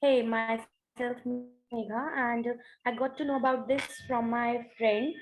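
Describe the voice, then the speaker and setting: A woman's voice: on the high side, fairly even intonation, takes it slowly. A woman, answering briefly and hesitantly over a video conference call whose audio keeps cutting out. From India. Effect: video conference call audio that cuts out. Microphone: computer or phone on a video call. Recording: noisy, choppy video-call line.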